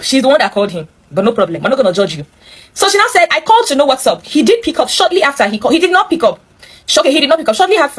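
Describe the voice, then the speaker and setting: A woman with a Nigerian accent and a high, fairly bright, slightly rough voice hosts a session reading and reacting to a viewer's story. Her storytelling is animated, emphatic, and opinionated, with running commentary as she breaks in to speak straight to listeners.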